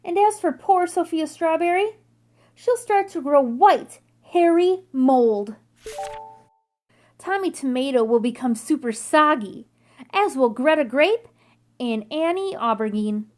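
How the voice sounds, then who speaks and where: Faint music plays behind a woman as she reads a children's picture book aloud in a high voice, her storytelling expressive and deliberate.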